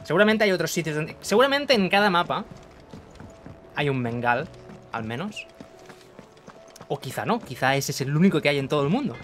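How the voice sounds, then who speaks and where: A man's voice: on the high side, very animated, a little fast, pauses often, fairly bright tone, soft background music. Joking Spanish gamer man. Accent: Spain. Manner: jokey, swears freely, talks to the screen. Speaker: gaming streamer. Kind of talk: casual let's-play commentary.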